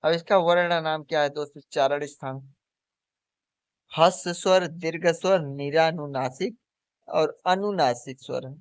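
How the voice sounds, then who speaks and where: A man's voice: fairly high pitch, unhurried, smooth, no echo. A man teaching a lesson for exam preparation, who asks questions and answers them himself and keeps calling the viewer his friend. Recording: dull, lo-fi recording.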